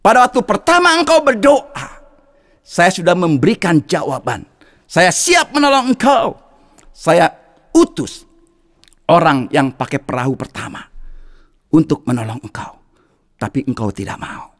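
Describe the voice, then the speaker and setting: A male pastor voicing God as a calm, fatherly figure, gently reproachful, in a sermon story. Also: sits high, unhurried, pauses often, exaggerated voice.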